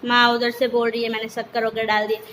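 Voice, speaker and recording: Cooking in her home kitchen, a young woman narrates her family's morning for a casual vlog, talking to viewers in a rushed, busy manner. Her fairly high, slightly bright voice is completely flat. There's slight background noise, plus echo and clattering dishes.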